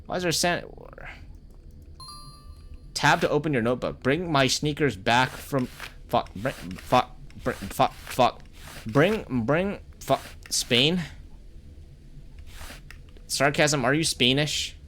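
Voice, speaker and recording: Casual game-stream commentary from a young-sounding man, lively pitch, lots of swearing. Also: slow, long pauses, slight background noise. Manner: chatty, cursing, greets chat between reactions.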